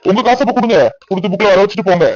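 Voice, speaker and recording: A man voicing an impatient loan-group collector in a cartoon, brisk and demanding. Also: high-pitched, no room sound, lightly acted. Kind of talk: cartoon voice acting. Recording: dull lo-fi dry recording.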